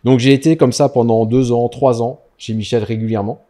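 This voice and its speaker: A man, a dentist, telling his story as a guest in a casual interview, lively and anecdotal, often turning to his listener. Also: mid-range voice, brisk.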